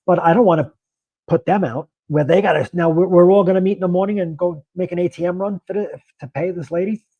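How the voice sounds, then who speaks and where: A man's voice: sits high, quick pace, dry recording, muffled recording. A middle-aged man, a former bank manager, telling an off-the-cuff sales story with many restarts and acted-out dialogue. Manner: rambling, self-correcting, acts out quoted dialogue. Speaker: podcast host, former bank branch manager.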